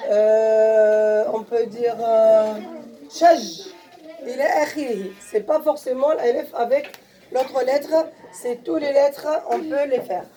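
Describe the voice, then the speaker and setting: A woman teaching a language lesson, explaining syllables patiently with many pauses and checking that the class follows. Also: a little high, fairly even intonation, dark tone. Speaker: Arabic teacher.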